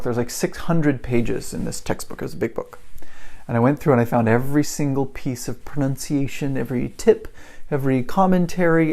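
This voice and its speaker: A man's voice: medium pitch, gravelly, a little mellow. A middle-aged man, an English teacher, telling a personal story in a chatty way with many restarts, acting out what he thought back then. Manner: chatty, many restarts and fillers, acts out his own past thoughts. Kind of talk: casual storytelling lesson.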